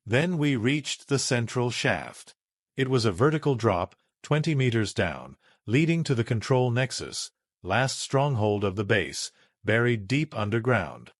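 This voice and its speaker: Slow, lively male storyteller. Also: mid-range voice, no echo, studio quality. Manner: measured, dramatic storytelling. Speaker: narrator. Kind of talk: scripted first-person sci-fi narration.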